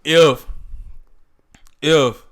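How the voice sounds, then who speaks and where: A man's voice: a little high, fairly even intonation, drawn-out words. Emphatic young man repeating "relax". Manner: repeats "relax" and "you feel me", emphatic and teasing. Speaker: podcast co-host. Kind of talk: casual chat.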